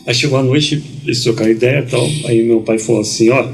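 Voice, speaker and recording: Man telling a lively slangy story. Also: mid-range voice, fast. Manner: lively storyteller, slangy, quotes people in dialogue. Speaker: guest. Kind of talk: casual storytelling.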